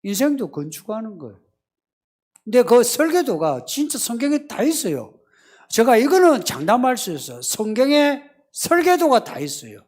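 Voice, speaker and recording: A male pastor preaching in an easy, conversational way. His pitch swings widely as he teases the congregation and drops into hushed, acted-out little prayers. The sermon has a lively, animated rise and fall. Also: moderate pace.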